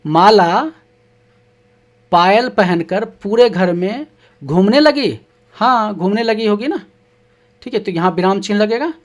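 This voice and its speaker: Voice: mid-range voice, lively intonation, unhurried. A teacher patiently explaining a children's textbook lesson, reading each question aloud, answering it, and breaking words into syllables. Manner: reads questions aloud, then answers them.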